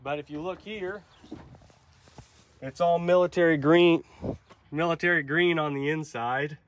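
A man's voice: fairly high pitch, a little slow, no echo. A young man hosting a casual truck vlog, rambling and unsure, with frequent ums. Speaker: vlog host.

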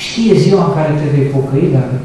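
A man's voice: on the high side, mellow, slight background noise. A man preaching a sermon in a church, talking conversationally and asking the congregation rhetorical questions. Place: church sanctuary. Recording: echoey church from a distance.

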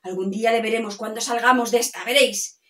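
A woman's voice: fairly high pitch, fast. A middle-aged woman telling a children's story, singing and coaxing listeners to join in. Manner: animated, sings and coaxes listeners to join in. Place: home.

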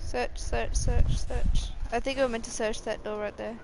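A woman's voice: a little high, little pitch movement, moderate pace, creaky, noisy background. Sweary Australian woman streaming a game. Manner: sweary, loud reactions. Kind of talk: casual gaming chat. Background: game music.

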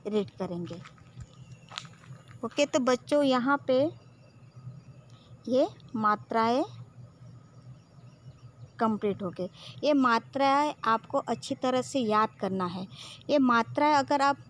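A woman's voice: on the high side, slight background noise. A woman teacher with a Gujarati accent who patiently drills syllables one by one, saying "okay" often. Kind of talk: slow classroom lesson.

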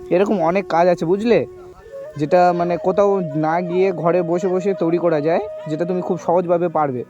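A man who talks to a young woman in a gentle, reassuring way and keeps asking "okay?". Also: sits high, fairly even intonation, moderate pace. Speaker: charity video host. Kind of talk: staged outdoor conversation. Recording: dull lo-fi sound with music behind. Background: background music.

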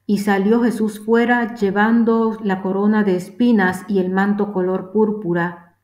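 Woman scripture reader, solemn and measured, roomy echo. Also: mid-range voice. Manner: steady, measured delivery. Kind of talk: solemn liturgical reading.

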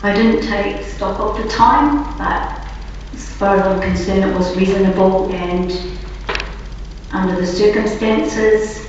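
A woman police officer giving formal, deliberate and halting testimony as a witness under cross-examination. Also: mid-range voice, fairly even intonation, darkish tone. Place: large reverberant courtroom, far from microphone. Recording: very echoey distant courtroom recording, muffled, faint noise.

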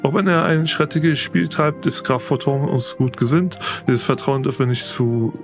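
A man's voice: medium pitch, moderate pace, music in the background, lightly acted. A man reading the lines of a serious young ally from a game, plainly read aloud from on-screen text. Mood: earnest.

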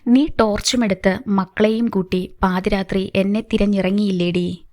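A woman's voice: mid-range voice, steady tone, normal speed, a little mellow, lightly acted. A woman reading the lines of an angry, evasive middle-aged husband in an audiobook. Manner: curt, scolding.

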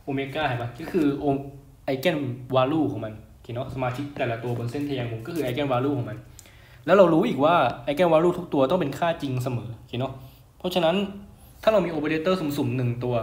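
A young man teaching physics at a relaxed pace, talking casually and pausing to check that the listener keeps up. His voice sits at an ordinary middle pitch. The recording has a noticeable roomy echo around it. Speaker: physics tutor. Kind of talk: casual lecture over a whiteboard.

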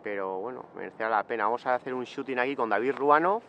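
A man's voice: medium pitch, fast, bright, forceful tone, dull audio, slight background noise. Joking, slangy man on a hillside. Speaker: mountain bike racer. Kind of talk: casual vlog chat. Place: outdoors on a hillside.

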